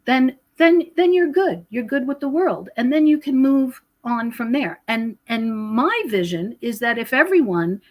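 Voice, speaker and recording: A woman with a slightly high, lively voice talks a little slowly and with hardly any pauses as a podcast guest. An author and researcher of prophecy, she gives spiritual explanations in a conversational interview, emphatic and preachy, repeating words and checking in with the listener.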